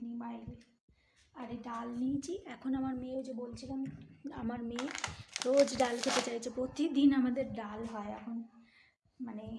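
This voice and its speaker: A middle-aged woman chatting softly and rambling through a grocery haul at home at night, talking into a bluetooth earpiece. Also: fairly high pitch, vocal fry, a little hiss or hum. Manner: soft-spoken, rambling, chatty asides. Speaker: home vlogger. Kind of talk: casual grocery haul chat. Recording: echoey room.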